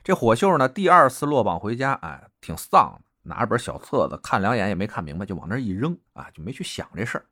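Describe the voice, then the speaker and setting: A man's voice: on the low side, big pitch swings, quick pace, few pauses, bright, forceful tone. A man hosting a casual, joking history podcast, telling the story with lots of filler particles.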